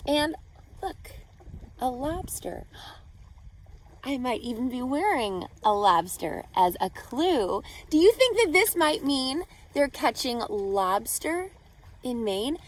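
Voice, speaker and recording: A teacher reads a picture book aloud to children in a high voice. She is expressive and phrases things carefully, pausing to ask her young listeners questions.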